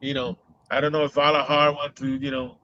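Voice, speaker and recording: A man's voice: mid-range voice, flat delivery, a little fast, pushed and bright, dull audio. A man with a Boston accent hosting a casual live show, rambling with many fillers and laughing often. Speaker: host.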